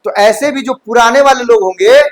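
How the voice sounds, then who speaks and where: High-voiced male coaching teacher. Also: moderate pace, low-quality recording. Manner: checks understanding often, mixes English terms into Hindi. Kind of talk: classroom lecture. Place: classroom.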